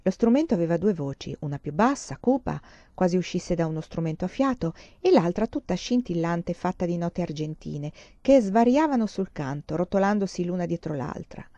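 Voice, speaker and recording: Mellow-voiced woman reading a novel aloud. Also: lowish voice, expressive, moderate pace, few pauses, no echo, dull audio. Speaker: audiobook reader.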